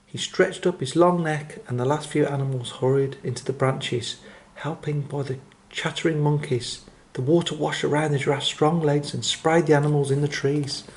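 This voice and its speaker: A gentle male children's storyteller. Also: medium pitch. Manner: gentle, expressive, with slowed dramatic phrasing.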